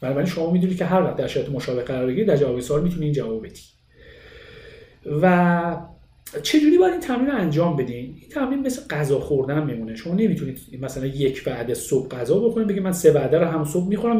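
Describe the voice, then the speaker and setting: A man gives a language lesson with a mellow, relaxed tone. His voice swings widely in pitch as he stresses each point, and the room around him rings with echo. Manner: explains with lively rising emphasis. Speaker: English teacher.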